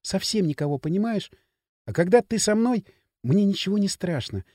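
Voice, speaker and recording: A man's voice: high voice, animated, moderate pace, a little mellow, no echo, studio quality. A man voicing a lonely young woman who speaks in a pleading, tearful way.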